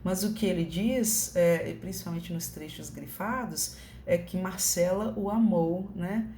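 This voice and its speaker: A Brazilian woman teaches a concurso-prep lesson from her home, her voice set slightly low with a soft, dark tone. She keeps it chatty, often pausing to check that the point landed. The room rings noticeably, and faint ambient noise sits underneath. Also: gravelly, roomy sound. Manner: conversational, many tag questions. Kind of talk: online lecture.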